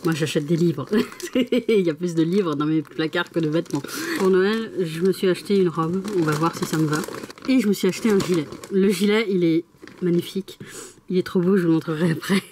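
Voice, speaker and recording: Young woman vlogger, casual and giggly, slightly low and mellow voice; chatty everyday delivery. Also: a little fast, slight background noise. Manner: chatty, giggly, gets excited unboxing. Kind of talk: casual vlog chat.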